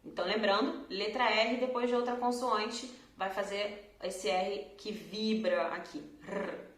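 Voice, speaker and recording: A woman teacher from Brazil with a Carioca accent, explaining pronunciation slowly and clearly and drawing out example words. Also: medium pitch, steady tone. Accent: Carioca Brazilian Portuguese. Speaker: Portuguese teacher. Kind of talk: pronunciation lesson to camera. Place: room at home, in front of a door. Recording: echoey room.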